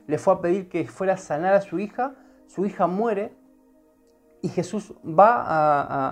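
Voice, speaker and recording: This preacher has a lowish voice with a darkish tone and an Argentine Spanish accent. Her devotional sermon is earnest, full of repeated phrases and frequent check-ins with the audience.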